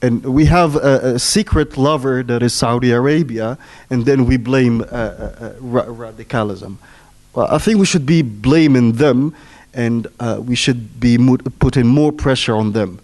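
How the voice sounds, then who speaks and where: Guy from morocco asking a panel a long question, lots of uh and repeated words, clears his throat. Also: mid-range voice, normal speed, a little mellow. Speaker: audience member asking a question.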